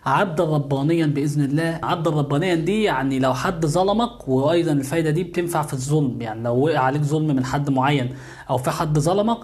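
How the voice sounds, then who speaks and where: A man's voice: fairly high pitch, quick pace, a little mellow. A man with an Egyptian accent hosts his channel, giving casual spiritual how-to instructions, often calling out to viewers and answering his own questions. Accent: Egyptian Arabic. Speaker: YouTube channel host.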